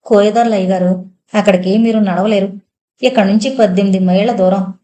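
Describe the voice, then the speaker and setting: A woman's voice: mid-range voice, steady tone, brisk, warm tone, lightly acted. A woman voicing a chatty, deferential village servant man who speaks in rustic dialect.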